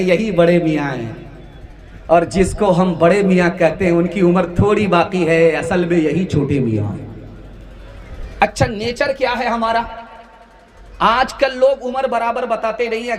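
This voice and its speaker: At a large religious gathering, a male preacher with a very high-pitched voice addresses the crowd through an echoing public-address system as faint music plays. His sermon mixes anecdotes and plain storytelling with declamatory, melodic chanting of verses and sung poetry.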